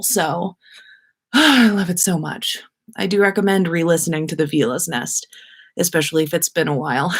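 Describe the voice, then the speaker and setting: A woman hosting a livestream from her bedroom, chatting eagerly and restarting her sentences. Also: mid-range voice. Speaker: podcast host. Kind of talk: casual livestream chat.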